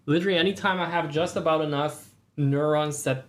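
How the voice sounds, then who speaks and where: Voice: medium pitch, fairly even intonation, a little fast. A livestream host chatting casually to viewers in a sarcastic, mock-boastful way, swearing freely. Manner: profane. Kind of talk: casual chat to stream viewers.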